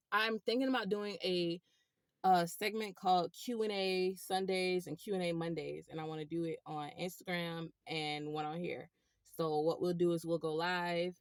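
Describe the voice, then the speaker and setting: A woman telling a rideshare story to her viewers in a casual, animated way. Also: lowish voice, clear, resonant tone, no echo, clean studio sound. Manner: animated, chatty, addresses viewers as y'all. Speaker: rideshare driver vlogger.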